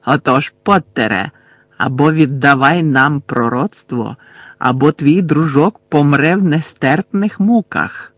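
A man voicing a cruel, gleeful adult witch who taunts in a slow, drawn-out way, read in an audiobook. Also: fairly high pitch, fairly bright tone, no echo, exaggerated voice. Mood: menacing.

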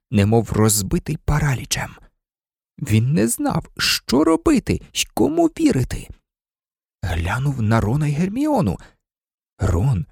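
A man narrating an audiobook in a dramatic, expressive way. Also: a little high, creaky, no room sound, clean studio sound. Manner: dramatic, animated.

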